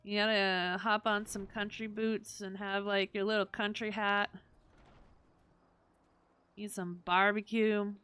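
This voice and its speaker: Bright chatty Southern woman streamer. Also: mid-range voice, little pitch movement, takes it slowly, long pauses, clear, resonant tone. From Southern United States. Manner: chatty, swears freely, reads game dialogue aloud. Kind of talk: casual gaming stream chat.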